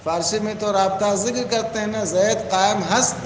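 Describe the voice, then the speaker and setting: High-voiced Indian man teaching in an echoey classroom. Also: steady tone. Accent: Indian Urdu. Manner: keeps quizzing students with questions; reads Arabic text then explains it. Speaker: teacher of logic. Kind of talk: classroom lecture. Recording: echoey classroom with faint noise.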